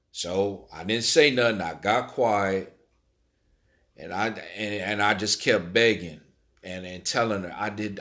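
A middle-aged man from Illinois telling a personal story in a halting way, repeating words and leaning on fillers. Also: mid-range voice, fairly bright tone. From Illinois, USA. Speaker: interviewee.

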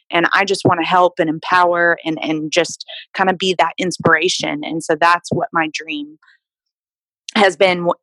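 Chatty woman, lowish voice, dry sound. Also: fairly bright tone, dry recording, poor audio. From Texas. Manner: chatty, many fillers and restarts. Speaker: guest, fitness and swimsuit model. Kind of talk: casual interview conversation.

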